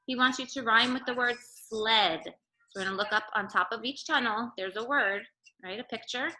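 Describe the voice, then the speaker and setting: Her voice is slightly high, a bit fast, pushed and bright, and the recording quality is low. As an early-grade teacher leading a remote read-aloud lesson for little kids, she explains simply in an instructive manner and keeps checking in with quick "okay"s and "right?"s.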